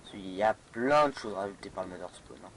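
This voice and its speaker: A man's voice: lowish voice, quick pace, very noisy. A man giving casual let's play commentary on a modded game, hesitant, with many fillers and restarts. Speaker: gamer playing a modded block-building game.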